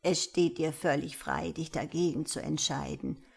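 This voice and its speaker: A woman voicing a kindly old village elder woman who speaks in a calm, solemn way, in a storybook reading. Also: low voice, measured pace, creaky, heavily acted.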